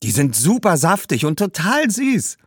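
Male narrator doing a bright young village girl, eager and earnest, lively, dry sound. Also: a little high, a little slow, slightly rough, dry recording, pitched above the performer's own voice, exaggerated voice. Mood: eager bargaining.

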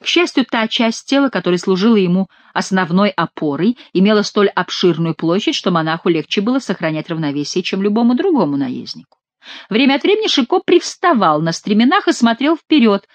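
A woman narrating an adventure audiobook, reading in a lively, expressive storytelling manner. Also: medium pitch, fairly quick, dry recording. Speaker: audiobook reader.

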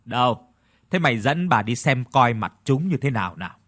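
A man's voice: mid-range voice, big pitch swings, normal speed, fairly bright tone. A man voicing a stern, imperious older mistress of a rich household who talks down to her servants in an audio story. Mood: commanding.

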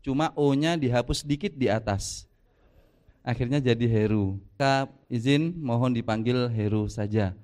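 Lively preaching man with a smooth voice. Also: medium pitch, normal speed. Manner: lively, joking, rhythmic repetition. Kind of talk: sermon at a mosque gathering.

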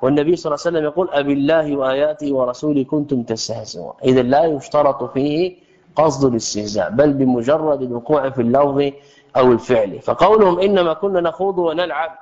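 A man's voice: a little high, quick pace, darkish tone. A man teaching an Islamic text in a religious lecture, speaking emphatically and posing rhetorical questions to his audience. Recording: echoey hall, dull lo-fi sound.

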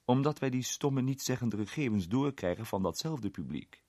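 A man's voice: mid-range voice, animated, moderate pace, a little mellow, dry recording, voice pushed up. A man doing a curt police inspector. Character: plain-spoken male police inspector.

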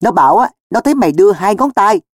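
A man voicing a hot-tempered teenage boy who scolds in sharp, raised outbursts. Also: sits high, big pitch swings, quick pace, dry recording, clean studio sound, voice pushed up. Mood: angry.

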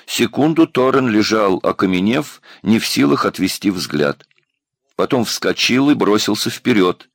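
A man narrating a science fiction audiobook with expressive storytelling. His voice is low and gravelly, with a lively, rising and falling pitch. The sound is dry and close. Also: a little slow, no echo. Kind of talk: scripted narration.

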